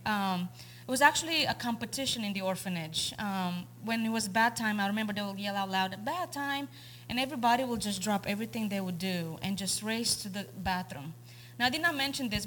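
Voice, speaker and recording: A woman's voice: fairly high pitch, fairly bright tone, a little hiss or hum. Romanian-accented woman sharing her testimony. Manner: earnest storytelling with frequent ums. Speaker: guest speaker. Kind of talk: personal testimony talk.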